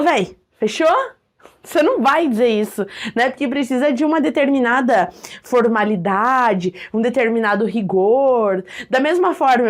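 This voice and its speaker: A woman teacher gives a video lesson in a lively, playful manner. Her voice is high, and she often slips into little acted examples. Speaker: Portuguese language teacher.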